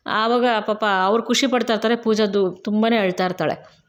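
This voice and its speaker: A woman's voice: medium pitch, steady tone, normal speed. A woman recapping a TV serial episode in a chatty, casual storytelling way, quoting the characters and asking viewers to subscribe. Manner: chatty, retells scenes with quoted dialogue, asks viewers to subscribe.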